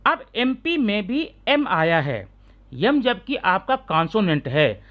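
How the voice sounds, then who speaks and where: A man teaching English grammar in a classroom-style lesson, sounding out letters slowly and often asking his students if they follow. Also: high-pitched, sing-song, dull audio. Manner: keeps asking students rhetorical check questions.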